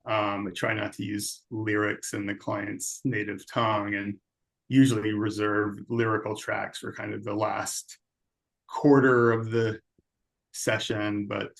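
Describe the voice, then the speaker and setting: Low gravelly man, flat and measured. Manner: measured, thoughtful, with hedging fillers. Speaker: psychologist guest. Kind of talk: interview answers.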